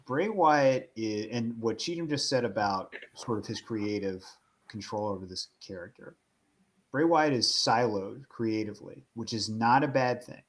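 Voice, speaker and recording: A man's voice: lowish voice, a little slow. Thoughtful man laying out a theory. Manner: analytical, thoughtful, explains theories at length. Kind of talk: casual chat.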